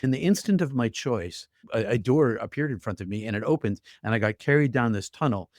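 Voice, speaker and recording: A man's voice: mid-range voice, animated, brisk, no room sound, studio quality. An older man telling his own story in an interview, earnest and vivid, acting out the voices he heard. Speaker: guest telling his near-death story.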